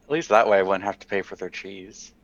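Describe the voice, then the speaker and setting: A man playing a tabletop game, speaking in a blunt, deadpan way. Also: low voice, brisk, highs cut off, slight background noise. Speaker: player.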